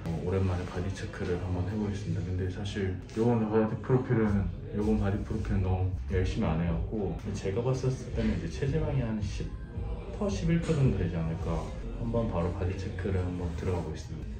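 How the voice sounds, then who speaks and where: A man's voice: deep voice, fast talker, echoey room, over music, low-quality recording. A man in his thirties, talking through a face mask in a casual, chatty vlog style and chiding himself a little. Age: 30s. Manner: self-reproaching, chatty. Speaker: vlogger. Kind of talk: casual vlog talk to camera.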